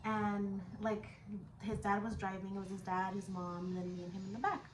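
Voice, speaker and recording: Recorded in an echoey room with noise in the background, this young vlogger in her 20s shares a personal story casually. Her medium-pitched voice moves at a moderate pace with fairly even intonation, full of slang, casual swearing, and shifts between English and Spanish.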